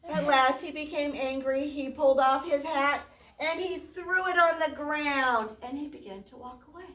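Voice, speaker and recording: High-voiced woman reading aloud to kids. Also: normal speed. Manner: animated, stops to quiz the kids. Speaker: teacher. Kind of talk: reading a picture book aloud to children. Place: classroom. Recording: roomy classroom from far off.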